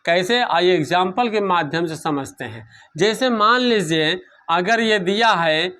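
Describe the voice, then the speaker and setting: A man's voice: sits high, lively intonation, measured pace, pushed and bright. A man teaching a grammar lesson, asking questions and answering them himself, repeating key terms.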